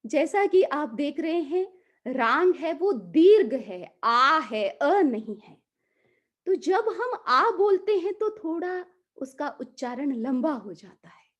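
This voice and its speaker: A woman giving a calm, slow mantra lesson, drawing out the chanted syllables. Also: high-pitched, dull audio. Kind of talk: guided mantra pronunciation lesson.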